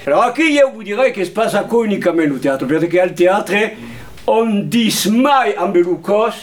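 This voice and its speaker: A theatre teacher with a sunny Southern French accent from Montpellier gives a lively talk on theatre to a group. His voice is high and bright, animated and theatrical at a normal speed, often swelling into booming declamation. A reverberant room echoes around him.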